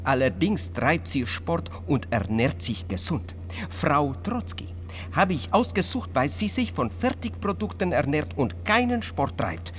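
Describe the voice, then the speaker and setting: Formal, scheming inventor for radio drama: lively pitch swings, slightly high, faint hum. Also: male voice, a little slow. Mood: brooding, calculating. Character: brooding male inventor of a dubious slimming powder. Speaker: client and product developer. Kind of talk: radio crime drama dialogue.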